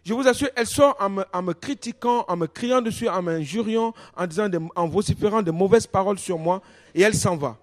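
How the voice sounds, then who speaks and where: High-voiced animated male preacher. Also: fairly quick. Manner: animated storytelling, swings between hushed and loud. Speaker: pastor. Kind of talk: sermon. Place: church.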